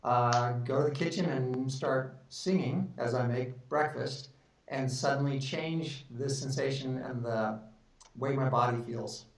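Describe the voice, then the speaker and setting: A man's voice: medium pitch, measured pace. A man hosting an interview, asking questions in a hesitant way and often repeating words. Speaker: podcast host. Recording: echoey room heard from a distance with faint noise.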